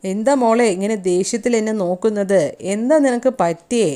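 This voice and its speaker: A woman voicing a protective older brother, reading his lines loudly and quickly, scolding and coaxing. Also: mid-range voice, close to an everyday voice. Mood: worried, defensive.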